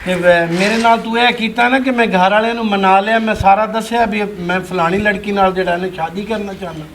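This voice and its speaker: A man plays a pushy suitor in a homemade village drama. He talks in a high voice, wheedling and then threatening. Clear outdoor noise sits behind him. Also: fairly even intonation, fast talker, fairly bright tone. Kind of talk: amateur web drama acting.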